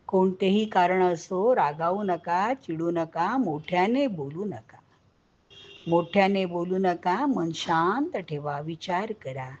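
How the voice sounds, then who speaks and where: Slow calm woman reading devotional sayings. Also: fairly low pitch. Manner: slow, calm, repeats each phrase. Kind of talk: devotional reading, each line repeated. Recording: dull lo-fi sound.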